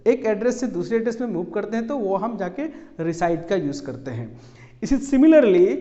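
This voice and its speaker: A man from Bihar giving a spoken English lesson, explaining slowly, repeating phrases and checking in with "right?". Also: high-pitched, long reverb tail, dull audio. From Bihar, India. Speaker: English teacher.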